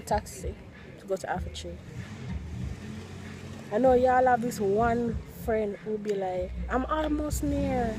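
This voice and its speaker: A young Jamaican woman chatting casually to her camera in a sleepy, unhurried way as a vlogger. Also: mid-range voice, noisy background. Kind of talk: casual vlog chat.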